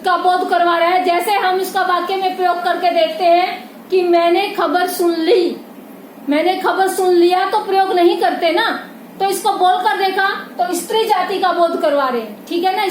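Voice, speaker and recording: A woman teaching a Hindi grammar lesson, patient and repetitive, who often checks that her students follow and calls them "beta". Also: very high-pitched. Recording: echoey room with faint noise.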